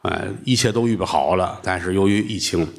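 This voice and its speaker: A man performing crosstalk on stage, an animated storyteller. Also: sits low, fairly quick. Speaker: crosstalk comedian, lead performer.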